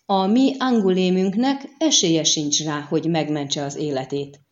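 A woman reading an audiobook and voicing a stern, calculating middle-aged male prefect who speaks with measured contempt. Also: deep voice, fairly even intonation, a little mellow, muffled recording, lightly acted. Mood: mocking.

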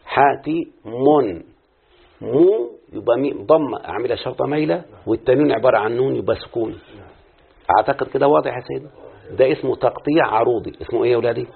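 This prosody lesson comes from a man with an Egyptian Arabic accent whose medium-pitched voice is husky with vocal fry. He speaks straight to his pupils, elongating syllables as he explains, and the recording sounds tinny and phone-like.

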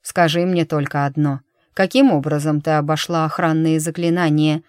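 A woman's voice: low voice, steady tone, moderate pace, a little mellow, smooth, dry recording, clean studio sound, lightly acted. A woman voicing a stern, curt king in an audiobook. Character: stern middle-aged king, gruff and commanding.

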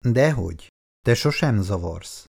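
A man's voice: on the low side, animated, creaky, a little mellow. A man voicing an earnest, lovestruck young soldier who talks apologetically and defensively in an audiobook. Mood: eager.

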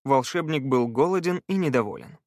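Man, audiobook narrator, measured fantasy storytelling, mid-pitched, dry close sound. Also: animated, no echo.

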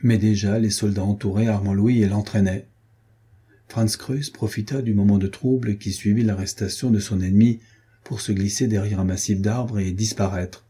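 Male audiobook narrator, husky and mellow, measured delivery. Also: on the low side, steady tone. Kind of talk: scripted narration of a classic novel.

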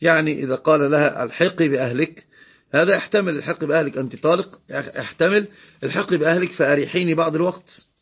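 Speaking fast in a somewhat high, breathy voice, a man with an Egyptian Arabic accent explains a text in a religious law lesson. He repeats key phrases for emphasis, and the sound is lo-fi.

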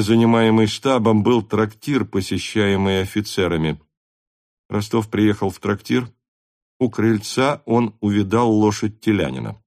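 A man narrating a classic novel as an audiobook in a steady, measured reading. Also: lowish voice, no echo, studio quality.

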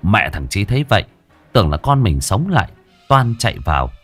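A man's voice: on the low side, sing-song, a little fast, fairly bright tone, breathy edge, faint music behind. A man, narrating a ghost story in a crude, colloquial way.

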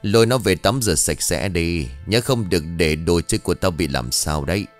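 A man's voice: deep voice, brisk, soft background music, pitched below the performer's own voice, close to an everyday voice. A man voicing a cruel, lecherous old village tyrant who sneers and barks abusive orders in an audiobook story. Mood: sneering cruel.

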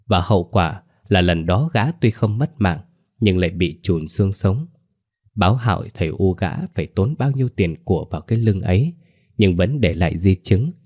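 A man narrating a ghost story in a measured, somber storytelling manner. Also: low-pitched, darkish tone. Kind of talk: scripted narration.

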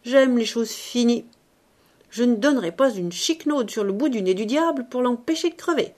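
A woman voicing a grumpy, sardonic old male showman in an audiobook, talking loudly and blustering. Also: fairly high pitch, expressive, moderate pace, pitched above the performer's own voice, close to an everyday voice. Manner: loud, blustering, exclamatory. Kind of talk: audiobook reading.

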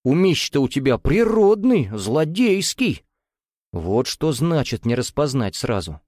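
A man's voice: mid-range voice, sing-song, a little slow, a little mellow, no echo, studio quality, voice pushed up. A man voicing a jovial, sly bearded Russian nouveau-riche man who teases in a folksy, coaxing way with veiled menace.

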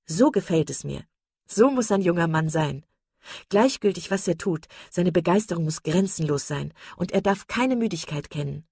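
A woman voicing a passionate, romantic young woman who speaks eagerly and quickly. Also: mid-range voice, animated, dark tone, breathy edge, dry recording, studio quality.

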